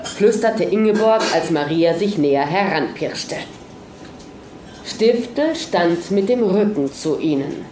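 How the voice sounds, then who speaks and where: A woman narrating a story aloud in a lively, dramatic reading manner. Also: medium pitch, echoey room, slight background noise.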